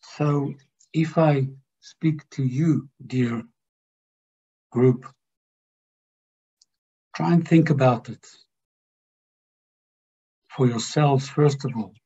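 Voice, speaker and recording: A man speaking to a group as a spiritual teacher, in a slow, deliberate and emphatic way. His voice is dark and slightly husky. The recording sounds dull and lo-fi. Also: medium pitch. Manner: slow, measured, emphatic delivery.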